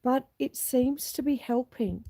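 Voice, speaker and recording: A middle-aged Australian woman greets live stream viewers from her homestead in casual conversation, shooting outdoors on her phone's camera. She has a cold, so she sounds husky and hoarse, and her unhurried, dark-toned voice sits high.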